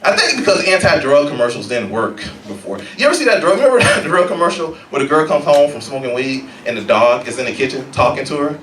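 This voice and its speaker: Animated stand-up man in a roomy club. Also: fast, hardly any pauses. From Florida. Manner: animated, swings into loud high-pitched bits. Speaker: stand-up comedian. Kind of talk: stand-up comedy set. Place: comedy club stage with a laughing crowd. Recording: roomy club sound, mic some distance off, loud crowd laughter.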